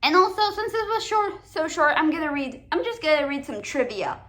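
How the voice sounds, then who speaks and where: A woman with a notably high, sing-song, slightly bright voice hosts a casual cartoon countdown video, shifting between chatty remarks and read-aloud summaries. Her delivery is halting, with frequent stumbles and repeated words.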